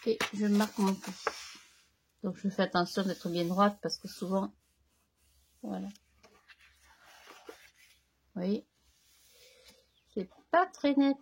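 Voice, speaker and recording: A woman hosting a crafting tutorial, chatting casually as she works, slightly hoarse and clearing her throat now and then. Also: medium pitch, slight background noise. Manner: slow, chatty, talks to herself while working.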